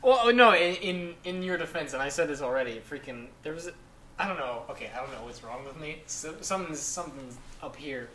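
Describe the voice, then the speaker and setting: A man's voice: a little high, animated, a little fast, bright, forceful tone, echoey room, a little hiss or hum, poor audio. A man, a podcast guest, chatting casually in a rambling, self-deprecating way. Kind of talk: casual chat.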